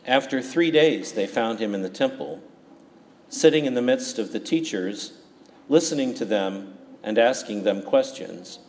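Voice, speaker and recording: A man, a priest, reading the Gospel and preaching at Mass in a calm, steady way, his voice carried by a long cathedral-like church echo. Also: mid-range voice. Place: large church. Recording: reverberant church, faint background noise.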